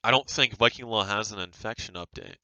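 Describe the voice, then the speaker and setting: Very bright, crisp man, casually defensive. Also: lowish voice, fairly quick, no room sound, rough recording. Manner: defensive, rambling. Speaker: game developer reacting to a review. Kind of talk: casual off-the-cuff commentary.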